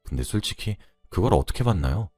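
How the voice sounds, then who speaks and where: Guy reading a story out loud, low voice, really lively, quiet music behind. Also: a little fast, no room sound, studio quality. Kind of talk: first-person story narration.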